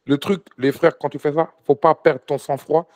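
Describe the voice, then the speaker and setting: A man's voice: fairly high pitch, fairly even intonation, normal speed, a little mellow. A man guest telling a travel-guide story in a casual interview, acting out dialogue with many restarts.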